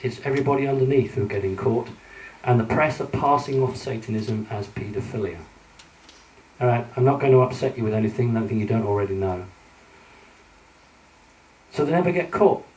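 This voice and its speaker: Man, conference speaker, mellow tone, hesitant fillers, recorded from a distance in an echoey hall. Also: medium pitch, a little fast, pauses often, slight background noise. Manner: earnest, hesitant with frequent fillers. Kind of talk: conference lecture with slides.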